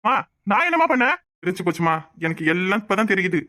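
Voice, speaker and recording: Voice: medium pitch, sing-song, fast talker, pushed and bright, no room sound, clean studio sound. A voice actor playing a cowardly, blustering drunk man in a cartoon, panicky and defensive. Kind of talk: cartoon voice acting.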